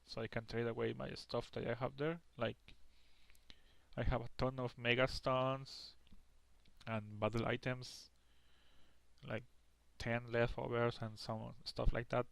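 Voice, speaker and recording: A man's voice: medium pitch, level tone, measured pace, gravelly, fairly bright tone, no room sound. A young man giving casual gameplay commentary, rambling and tired, with lots of restarts and the odd curse word. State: tired, yawning. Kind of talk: casual let's play commentary.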